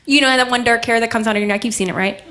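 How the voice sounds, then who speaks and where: A woman's voice: medium pitch, animated, brisk, reverberant, a little hiss or hum, close to an everyday voice. A woman imitating her bossy, know-it-all older sister, a doctor, in a lecturing, teasing tone.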